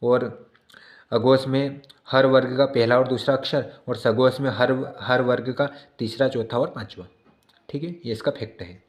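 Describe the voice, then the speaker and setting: Male teacher, mid-pitch, patient repeating style, checks in often; echoey room. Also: fairly even intonation, unhurried. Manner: explains by repeating definitions, checks in with "है ना". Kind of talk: exam prep lesson.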